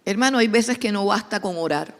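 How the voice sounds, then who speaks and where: A woman's voice: medium pitch, a little fast, big-room sound. A woman pastor, preaching a sermon emphatically and repeating key phrases for stress.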